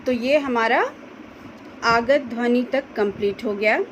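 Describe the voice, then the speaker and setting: A woman teacher explaining a grammar lesson to students slowly, carefully pronouncing each example sound. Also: fairly high pitch, a little hiss or hum, low-quality recording. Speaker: school Hindi teacher.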